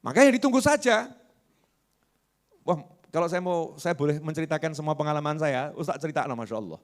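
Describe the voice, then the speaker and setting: Male preacher, slightly high voice, lively call-and-response sermon. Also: quick pace. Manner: asks the audience questions and answers them himself.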